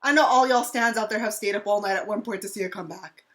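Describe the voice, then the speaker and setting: A woman co-hosts a relaxed fan Q&A, telling long stories that wander along with plenty of fillers and restarts. Her voice sits at an ordinary middle pitch. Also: fast talker. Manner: rambling storyteller, many fillers and restarts. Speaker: channel co-host. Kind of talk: casual fan Q&A chat.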